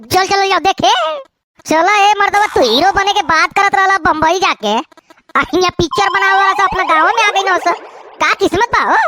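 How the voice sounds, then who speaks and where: A woman's voice: very high-pitched, noisy background. A woman with a Bhojpuri accent voicing bickering village men and a fussy film director in a comedy cartoon, teasing and stammering through the lines. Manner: teasing, quarrelsome banter with stammers. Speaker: cartoon voice actor.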